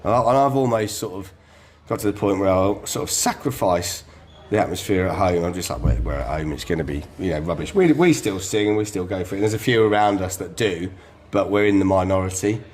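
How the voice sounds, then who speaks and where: A man chatting casually in a pub about football, lively, laughing and swearing now and then. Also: fairly low pitch, brisk, few pauses. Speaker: podcast co-host. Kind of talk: casual chat.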